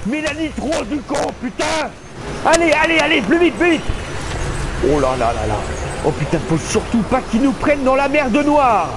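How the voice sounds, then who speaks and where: High-pitched frantic swearing gamer man. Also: very animated, moderate pace. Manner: panicky, swears a lot, yelling at the game. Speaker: gamer streaming a playthrough. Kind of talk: excitable let's play commentary. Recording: game noise behind the voice.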